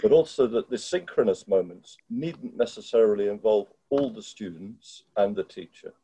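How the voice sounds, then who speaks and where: An older man speaking on a video call through a headset from a room at home, thoughtful and halting, often restarting as he works out his ideas. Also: on the low side, lively intonation, dark tone, husky. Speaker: participant in an online educators' discussion. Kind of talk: casual video-call discussion. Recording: dull, lo-fi video-call audio.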